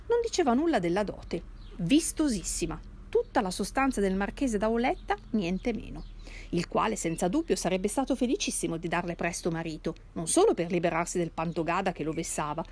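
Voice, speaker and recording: A woman reading a classic novel aloud in an expressive, measured way. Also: mid-range voice. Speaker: reader.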